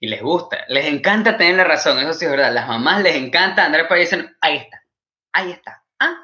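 Brief: Ecuadorian male stand-up, lively and bright-toned, dull roomy recording. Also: fairly high pitch, quick pace. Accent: Ecuadorian Spanish. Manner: animated, mimics scolding mothers in a shifted voice. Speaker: comedian. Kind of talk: stand-up comedy, live stream.

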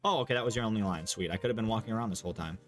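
A young man chatting casually as he streams a game, sweary, slangy and excitable. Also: lowish voice, racing, faint music behind. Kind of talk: casual gaming commentary chat.

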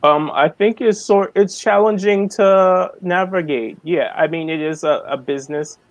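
A man of forty from the American South, a guest artist talking slowly and hesitantly on a video call, with many ums. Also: sits high, no room sound, poor audio. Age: 40s. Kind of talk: casual video-call interview.

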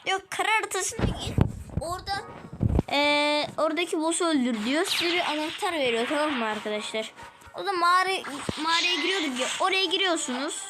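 A Turkish-accented woman commentating her gameplay to viewers, excitable, groaning and exclaiming as she plays. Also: very high-pitched, fairly quick, very noisy. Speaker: gaming channel host. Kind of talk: let's-play gameplay commentary. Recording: loud game music behind the voice.

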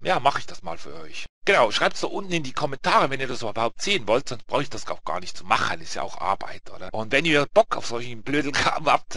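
Man, gamer, casual rambling chat, lively pitch, bright forceful tone, dry close sound. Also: no room sound. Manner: rambling and animated, with many restarts and tag questions. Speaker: let's play gamer.

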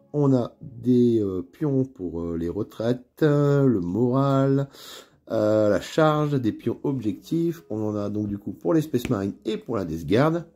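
A man with a northern French accent chatting casually through an unboxing video, with plenty of hesitations and fillers. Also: mid-range voice. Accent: northern French (Ch'ti). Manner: relaxed, chatty, many fillers and pauses. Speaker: miniatures hobby YouTuber. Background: faint background music.

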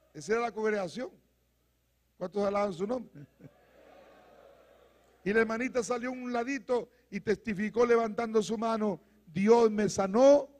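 A male pastor preaching a fiery sermon, calling out to the congregation and rising to shouts. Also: high-pitched. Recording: long hall reverb.

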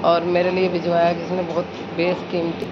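This is a woman doing casual home vlog chat and narration as a village vlogger, speaking at a normal speed. Her voice sits lowish and stays monotone, and the phone recording is muffled, with background noise clearly audible.

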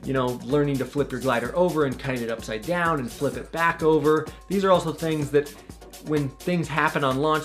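Talking directly to the lens, the young adult host of a paragliding tutorial channel coaches viewers earnestly, his hands moving as he speaks. He records in a small room at home, his voice at a medium pitch.

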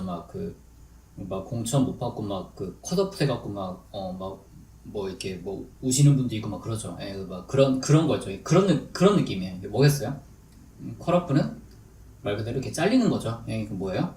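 A man teaching business English in a chatty lecture, drilling English phrases slowly and deliberately. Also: lowish voice, lively intonation, dark tone. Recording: echoey room, distant mic, faint noise.

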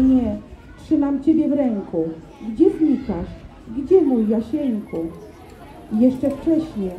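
A woman reciting the part of a young village girl grieving her dead lover, slow and pleading, in a roomy school hall. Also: high-pitched, phone-quality sound. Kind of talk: poetry recitation.

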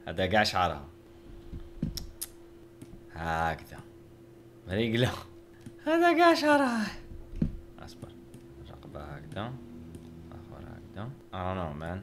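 A man's voice: low-pitched, unhurried, vocal fry, pauses often, fairly bright tone. Man chatting while he draws. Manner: joking self-mocking banter, mixing French and English. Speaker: video creator. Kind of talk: casual narration while drawing.

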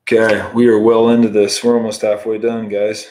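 Speaking at a moderate pace in a lowish voice, an American man in his thirties runs a casual fly-tying tutorial livestreamed from indoors at home. He stays relaxed and talkative, responding to chat comments as he ties.

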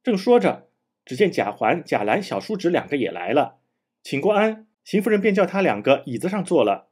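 A man reads a classic novel aloud, his husky voice sitting fairly high. His delivery is animated and sing-song, the pitch rising and falling through each sentence. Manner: measured storytelling.

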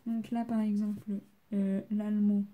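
A woman's voice: mid-range voice, little pitch movement, moderate pace, mellow. A teenage girl from France doing homework on camera, chatting casually with many fillers and sometimes dropping to a murmur. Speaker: student vlogger. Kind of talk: casual study vlog.

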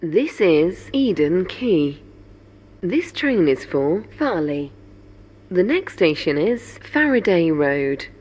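A woman voicing a recorded onboard train announcement. She speaks in a measured, formal way, with even spacing between phrases. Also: lowish voice, slightly rough, exaggerated voice. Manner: measured, formal and evenly spaced. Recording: game audio over loud train noise.

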